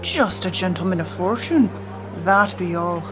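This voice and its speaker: A woman's voice: on the low side, animated, measured pace. Lady playing a cocky flirty pirate captain guy, hearty pirate accent, wheedling, storybook style, music under it. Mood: wooing, boastful. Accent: stage pirate. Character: roguish, flirtatious swaggering male pirate captain. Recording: music behind the voice.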